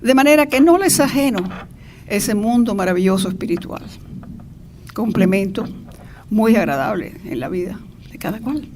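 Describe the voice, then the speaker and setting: Introducing a lecturer at a noisy live event, an older woman from Cuba speaks with a Cuban accent, chatty and informal, tossing in playful asides. Her mid-range, darkish voice has lively intonation, a moderate pace, and frequent pauses.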